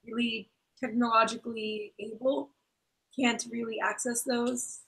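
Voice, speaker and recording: A woman on a student help desk, her voice going hoarse, explaining practically with some hesitation. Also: a little high, flat delivery, a little slow, a bit bright, poor audio. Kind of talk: casual discussion.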